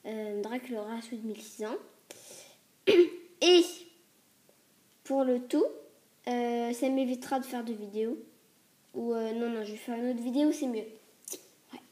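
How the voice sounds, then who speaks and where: A woman with a rough, hoarse voice pitched a little high talks her way through a casual show-and-tell review. She rambles, hesitates, corrects herself and keeps coughing and clearing her throat. It sounds like it was picked up by a tablet's built-in mic. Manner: chatty and hesitant, many fillers and self-corrections. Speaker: doll reviewer.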